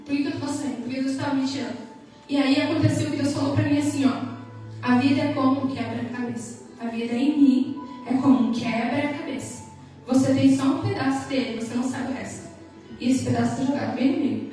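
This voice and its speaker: A woman's voice: high-pitched, fairly even intonation, brisk, warm tone. A Brazilian woman with a Brazilian Portuguese accent, giving an emotional church testimony in a sing-song preaching manner and acting out dialogue. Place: church hall. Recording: echoey hall from far off, music behind.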